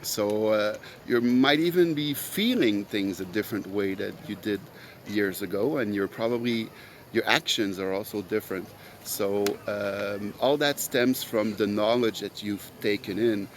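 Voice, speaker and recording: A podcast host whose first language is French delivers an earnest, rambling solo monologue packed with fillers. His voice is on the low side and a little slow, with slight background noise.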